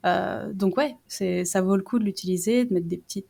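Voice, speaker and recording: A French woman guest chats on a podcast in a hesitant, self-doubting way. She fills her speech with "euh", breaks off and restarts her phrases, and her pitch sits in the middle range. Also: fairly quick, creaky, dark tone. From France. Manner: hesitant, many fillers and restarts, self-deprecating. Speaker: guest YouTuber. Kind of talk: casual podcast conversation.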